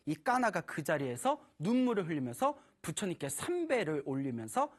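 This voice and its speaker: A Buddhist preacher telling a temple story in a lively, animated way, laughing often while speaking to an audience. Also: medium pitch, moderate pace. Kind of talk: storytelling dharma talk.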